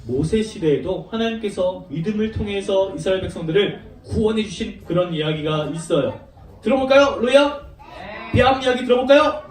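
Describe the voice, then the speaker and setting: A woman giving a lively sermon to young children, asking them questions and acting out the story. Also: mid-range voice, fairly quick. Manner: animated, questions children, acts out voices. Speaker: children's Sunday school preacher. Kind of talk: children's sermon with call and response. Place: large church hall. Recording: roomy echo, distant mic.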